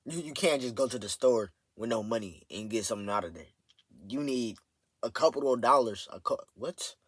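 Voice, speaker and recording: A man's voice: mid-range voice, fairly quick, breathy edge, no room sound. A man chatting casually, blunt and repeating his point. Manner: blunt, repetitive. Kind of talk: casual chat.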